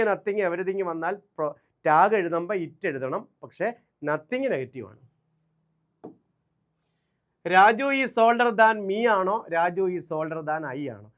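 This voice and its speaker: A man gives an exam-prep grammar lesson, drilling examples one after another. He speaks slowly in a fairly high voice and keeps stopping to quiz the listener. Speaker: English exam coaching teacher.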